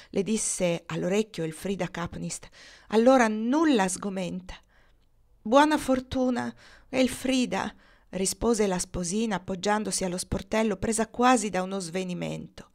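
Woman reading a novel aloud. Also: medium pitch. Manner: expressive reading, lifts her voice for the dialogue. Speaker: audiobook reader. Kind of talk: literary audiobook narration.

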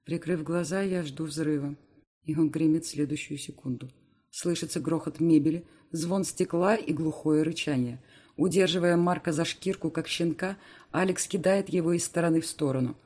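A man's voice: a little high, normal speed, darkish tone. A man reading scripted first-person narration for an audiobook. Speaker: audiobook reader.

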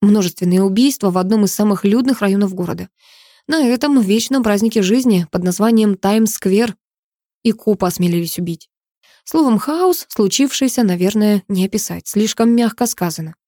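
A woman reads a crime novel aloud in a steady, dramatic storytelling manner. Her voice is mellow and warm. The recording is close and dry, with no room sound. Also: mid-range voice, normal speed, no room sound. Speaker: audiobook narrator. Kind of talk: scripted narration.

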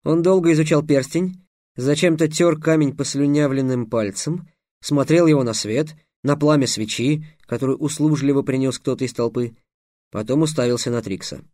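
Мужчина читает аудиокнигу вслух, выразительно и драматично ведя повествование. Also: male voice, fairly high pitch, moderate pace, a little mellow, dry recording, studio quality. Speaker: audiobook narrator. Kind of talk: expressive audiobook reading.

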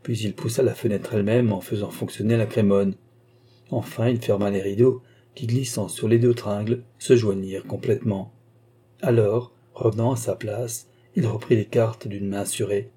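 A man reading a classic novel aloud as an audiobook narrator, in measured, even storytelling. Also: fairly low pitch, breathy edge. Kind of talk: scripted narration.

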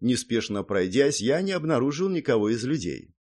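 A man reading a first-person audiobook in a steady, matter-of-fact way, with wry asides. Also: mid-range voice, normal speed. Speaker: audiobook narrator.

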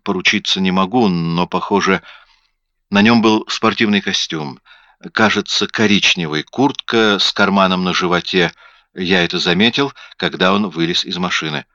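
A man's voice: sits low, normal speed, pushed and bright, no echo, highs cut off. Man reading a timid, meek little husband. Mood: hesitant. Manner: hesitant, apologetic. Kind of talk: audiobook character reading.

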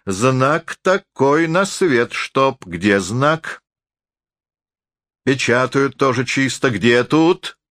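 A man voicing a drunk, surly soldier with a slow, slurred, hoarse growl. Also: mid-range voice, lively intonation, a bit bright, no room sound, clean studio sound, voice pushed up.

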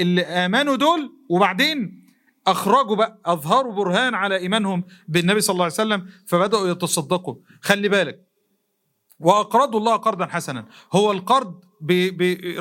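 Fast, bright-voiced Egyptian preacher. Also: male voice, high voice. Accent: Egyptian Arabic. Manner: colloquial, questions the audience directly; animated, voices imagined speakers. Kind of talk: mosque lesson sermon. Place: mosque.

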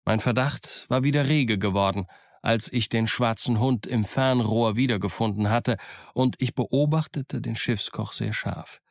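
Calm male audiobook narrator. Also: mid-range voice, unhurried, vocal fry, no room sound, clean studio sound. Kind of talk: scripted narration.

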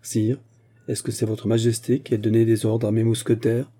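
A man's voice: fairly low pitch, level tone, moderate pace, mellow, natural voice. A man voicing an indignant veteran musketeer captain who hammers his words and swears. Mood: furious indignation.

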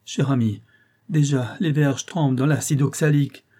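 A man's voice: moderate pace, mellow, close to an everyday voice. Man voicing a desperate pleading mother. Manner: pleading, emotional, rising high.

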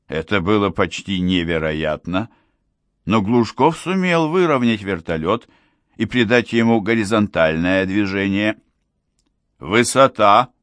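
Slow, dry-voiced male audiobook narrator. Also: lowish voice, animated, no echo. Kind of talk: first-person audiobook narration.

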